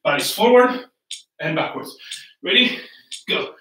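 A man's voice: high-pitched, animated, unhurried, a bit bright. Upbeat male fitness coach, roomy and distant. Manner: upbeat, encouraging, counts down and cues moves while exercising. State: breathing hard between moves. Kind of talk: live home workout instruction. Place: warm room at home, indoors. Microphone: laptop camera from across the room. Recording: roomy echo from a distant mic.

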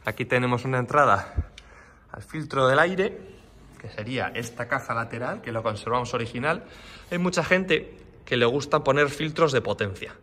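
Here a custom bike builder talks at normal speed in an animated, mid-range voice that comes across pushed and bright. The indoor workshop walkaround, shot on a handheld phone with slight hiss or hum, is casual yet thorough, and he indicates parts as he describes them.

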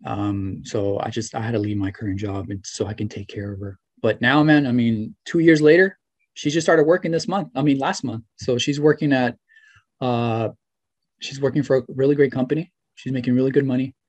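A man's voice: mid-range voice, steady tone, fairly quick, darkish tone, no room sound. A young man in his twenties, a guest on a video call interview, talking earnestly with lots of "you know" and "right". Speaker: interview guest, former student. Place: small room at home. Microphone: webcam or laptop mic on video call.

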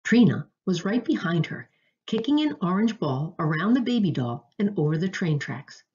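A woman narrating a children's storybook in an expressive read-aloud manner. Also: lowish voice, moderate pace, dull audio.

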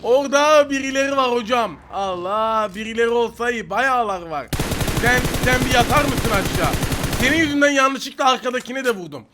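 Excitable high-voiced Turkish gamer man. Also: normal speed, background noise. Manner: joking, teasing opponents, excitable outbursts. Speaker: gaming YouTuber. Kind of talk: live gameplay commentary.

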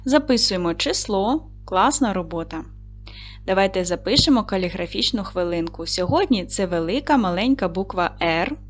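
A woman teacher leads a recorded lesson for young schoolchildren. She speaks clearly and patiently, with an encouraging warmth toward the class. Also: mid-range voice. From Ukraine. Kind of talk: video lesson for second graders.

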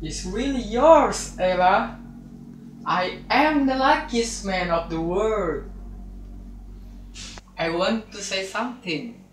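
A woman's voice: medium pitch, lively intonation, takes it slowly, pauses often, a little hiss or hum. A young woman playing a lovestruck young male prince in an amateur school drama, reading her lines in an earnest, stiff way. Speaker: student actor. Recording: echoey room on a phone.

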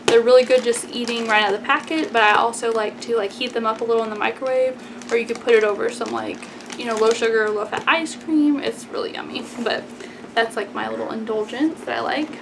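Here the same kind of twenty-something Texas vlogger sounds a little high and brisk, her intonation fairly even. Chatting informally to camera about her grocery haul in an American accent, she leans on "like" and "y'all." Noise from the small, plain room comes through clearly.

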